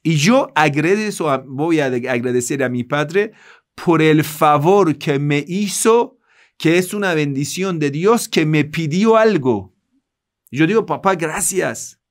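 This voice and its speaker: A man's voice: a little high, animated, a little slow. A man from Iran with a Persian accent, a native Persian speaker, teaching a religious class in Spanish and earnestly addressing his listeners. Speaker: Islamic teacher.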